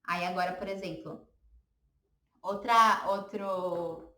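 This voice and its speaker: Bright-voiced woman teaching beginners. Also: fairly low pitch, steady tone, takes it slowly. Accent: Brazilian Portuguese. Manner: patient, repeats words for learners to echo. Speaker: English teacher. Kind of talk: beginner language lesson.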